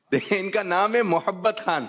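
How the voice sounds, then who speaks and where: A man's voice: sits high, fairly bright tone. A man hosting a religious talk show, jovial, often repeating his key phrases. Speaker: host.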